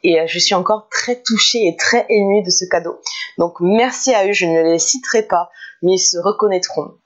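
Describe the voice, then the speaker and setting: A woman talks casually to the camera in a car detailing vlog, hesitant and laughing often, full of fillers and restarts. Her voice is lowish and her speed normal, captured on a dull lo-fi recording.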